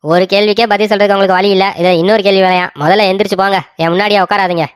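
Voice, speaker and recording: A smug, know-it-all village man from a cartoon story sneers and taunts, rattling off his words at a quick clip, as a woman acts him out. The voice sits close and dry, with no room around it. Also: medium pitch, level tone, clean tone, dry recording, lightly acted. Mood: scornful. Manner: taunting, fast and scornful.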